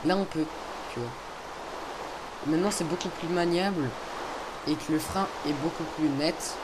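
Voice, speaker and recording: A man's voice: on the high side, moderate pace. A young man giving casual, chatty gameplay commentary, hesitant and full of fillers, recorded on a headset. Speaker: video host. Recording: faint background noise.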